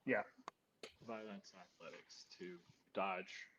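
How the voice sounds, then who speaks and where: A man's voice: low voice, steady tone, slow. A man running a tabletop game as game master, thinking aloud hesitantly with lots of ums. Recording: dull lo-fi audio with faint noise.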